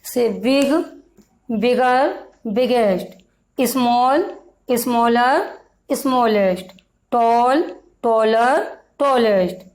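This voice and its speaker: A woman with a Hindi accent leads a grammar lesson at an unhurried pace. Her voice sits fairly high, and she repeats each example word and stretches it out for her students. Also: darkish tone, rough recording. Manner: slow, repetitive, stretches out example words. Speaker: grammar teacher.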